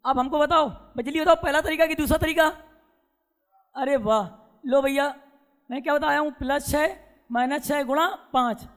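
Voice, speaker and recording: A man's voice: very high voice, moderate pace, fairly bright tone, in a large hall. A male teacher giving a classroom lecture, drilling his students with repeated questions and having them chant answers back.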